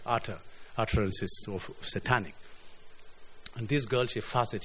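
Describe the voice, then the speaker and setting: A man from preaching a sermon, earnest, often repeating words as his voice swings between emphatic highs and quiet lows. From South Sudan. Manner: earnest, repeats words, rises and drops in pitch and loudness.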